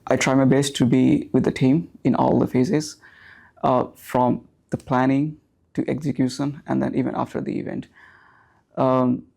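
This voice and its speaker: A man's voice: medium pitch, creaky, warm tone, husky. A young man from Nepal, a student giving hesitant interview answers full of ums and you knows. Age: young adult.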